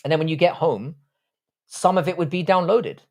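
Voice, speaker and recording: A man's voice: fairly high pitch, normal speed, a little mellow. A man in his thirties with a London accent, hosting a live stream and answering viewer comments in a blunt, profane, joking way. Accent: London English. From Ireland, raised in southwest London. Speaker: livestream host.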